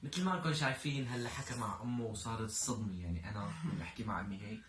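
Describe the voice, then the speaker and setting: A man's voice: lowish voice, racing. A man with a Levantine Arabic accent casually presenting a challenge video as a YouTube host. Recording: roomy, noisy, distant mic.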